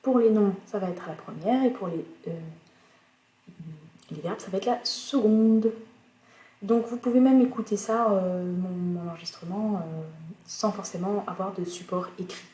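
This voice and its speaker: A woman teaching English pronunciation in a recorded video lecture, speaking slowly with many fillers and self-corrections. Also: medium pitch, warm tone. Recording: echoey room, faint noise.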